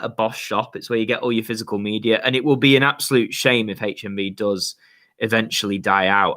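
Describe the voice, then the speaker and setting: A young YouTube channel host from Yorkshire, England, chats on a casual livestream and reads out viewer questions. His mid-range voice is fairly bright but slightly hoarse, and his laid-back, chatty manner is full of fillers and slang.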